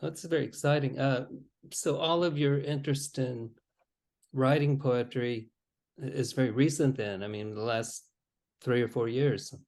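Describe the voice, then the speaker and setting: A man hosts an interview podcast and speaks at a middle pitch. He leads into his questions with small hesitations and restarts. He keeps his tone relaxed and conversational. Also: unhurried. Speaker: podcast host. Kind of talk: interview hosting.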